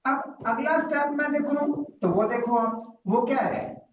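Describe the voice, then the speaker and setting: A man teaches a grammar lesson, talking slowly and going over each point again and again. He recites letters one at a time. His voice sounds far from the mic in a very echoey room, with a muffled, dull recording. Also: very high-pitched, noisy background. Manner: slow, repetitive explaining, reciting letters one by one. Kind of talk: classroom-style grammar lesson.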